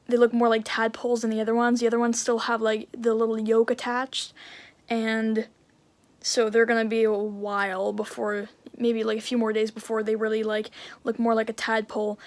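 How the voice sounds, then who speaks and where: A woman's voice: a little high, darkish tone. A woman vlogger chatting casually outdoors, rambling with many fillers and now and then dropping to a whisper. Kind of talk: casual vlog chat. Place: outdoors by a garden pond.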